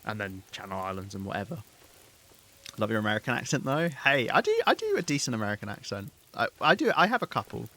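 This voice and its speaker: A man's voice: lowish voice, wildly swooping pitch, fast talker, few pauses, sharp tone. A man with a Southern English accent chatting casually with his chat while streaming a game, talking freely and laughing often. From England.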